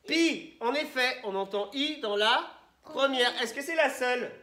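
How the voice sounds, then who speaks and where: A man teaching young children, asking questions and spelling words out slowly syllable by syllable. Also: very high voice, bright, forceful tone, recorded from a distance. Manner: questioning, prompting pupils to answer. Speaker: primary school teacher. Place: classroom. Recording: roomy echo, voice from the mic.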